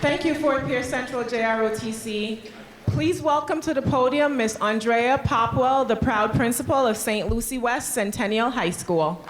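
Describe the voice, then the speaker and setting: A woman's voice: a little high, moderate pace. A woman announcer making a formal podium speech to introduce a ceremony. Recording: echoey, very noisy, distant microphone.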